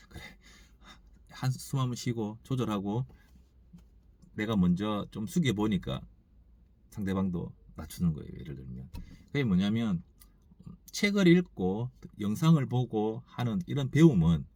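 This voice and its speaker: A man who runs a store, talking through a reflective morning monologue, halting and thinking aloud with many restarts, growing emphatic when he makes his point. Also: on the low side, big pitch swings, mellow, no echo. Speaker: store owner.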